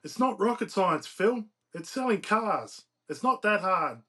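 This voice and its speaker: A man reading aloud, giving a brusque, sarcastic male car salesman a gruff, drawling voice. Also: high-pitched, very animated, measured pace, bright, forceful tone, voice pushed up, full character voice. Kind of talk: read-aloud story.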